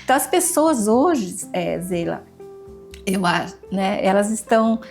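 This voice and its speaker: Woman educator explaining step by step, repeats examples, soft music underneath. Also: mid-range voice, big pitch swings, a little slow, gravelly. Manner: patient, teacherly, repeats examples. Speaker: educator guest. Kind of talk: explanatory interview talk.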